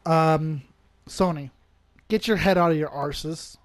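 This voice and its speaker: A man's voice: fairly high pitch, takes it slowly, no echo. A man co-hosting a casual podcast, talking in an earnest, preachy, ranting way. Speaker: podcast co-host.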